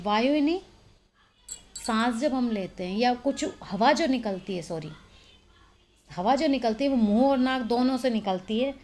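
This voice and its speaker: A woman teacher with a slightly high voice talks through a grammar lesson. She explains point by point, often checks in with a quick question, then answers it herself. It sounds like a phone voice recording. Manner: explains step by step, asks and answers own questions, frequent "है ना".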